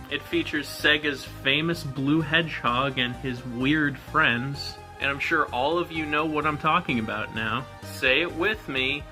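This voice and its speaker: Male reviewer, bright tone, jokey running commentary over soft music. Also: mid-range voice. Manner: wry, joking, quick asides. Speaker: retro game and cartoon reviewer.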